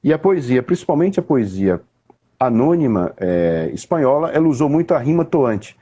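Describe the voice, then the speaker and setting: Homem brasileiro de voz suave e rouca, didático. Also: male voice, medium pitch, very animated, dark tone, husky, dull audio. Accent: Brazilian. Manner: didactic, unhurried, with frequent restarts and "né?" tags. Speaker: poet explaining literature. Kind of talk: casual conversation.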